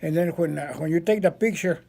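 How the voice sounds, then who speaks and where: A man's voice: a little high, a little fast, vocal fry, warm tone. An older man casually explaining how something works, in repetitive, folksy phrasing. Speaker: grandfather showing his old cameras.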